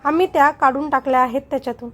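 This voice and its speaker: Storybook villain: cold rich man, smug and unhurried, read by a woman with a high voice. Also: steady tone, lightly acted. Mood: calm, smug. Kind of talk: storybook narration.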